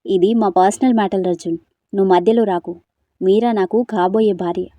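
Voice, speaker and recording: A woman's voice: medium pitch, steady tone, brisk, mellow, no echo, close to an everyday voice. A woman voicing a domineering young man who bosses and belittles his cousin, in an audio story. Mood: contemptuous. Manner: bossy, contemptuous.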